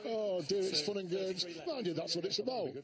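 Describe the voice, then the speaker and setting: A man's voice: sits high, a little fast, crowd noise. A man co-commentating on a darts match with chatty, jokey asides. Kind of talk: light-hearted sports commentary. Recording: broadcast with background noise.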